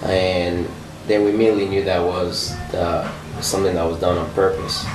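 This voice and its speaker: Deep-voiced man in an echoey, noisy room. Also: little pitch movement, moderate pace, far from the mic, over music. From Sudan. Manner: hesitant, many fillers and restarts. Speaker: interviewee. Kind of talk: personal recollection, casual storytelling.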